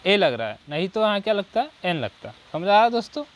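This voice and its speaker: A high-voiced male coaching teacher with big pitch swings leads a Hindi grammar lesson on English articles. He reads English example sentences slowly and drills with repeated rhetorical questions and "ठीक है."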